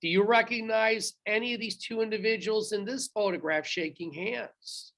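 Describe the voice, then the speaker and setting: A man's voice: sits high, normal speed, fairly bright tone. A man teaching history in a recorded lecture, talking straight to his students and stopping to quiz them on trivia. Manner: chatty, talks straight to students, quizzes them.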